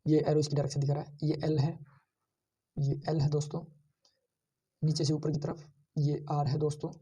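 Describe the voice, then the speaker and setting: A man teaching shorthand, slowly repeating each sound and pointing out how every stroke is drawn. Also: a little high, level tone, warm tone, husky, distant mic. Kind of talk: screen-share lesson.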